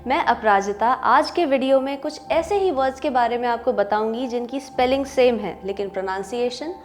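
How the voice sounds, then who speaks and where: A woman teaching English pronunciation, speaking clearly and deliberately, and slowing down when she reads out English example sentences. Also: a little high, soft background music. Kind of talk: explaining pronunciation in a lesson.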